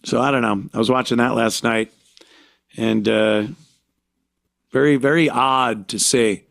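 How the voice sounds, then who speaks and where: Slow-talking indignant male podcast host. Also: medium pitch, fairly even intonation, vocal fry, fairly bright tone, no room sound, studio quality. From United States. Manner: indignant ranting with halting restarts. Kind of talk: podcast monologue.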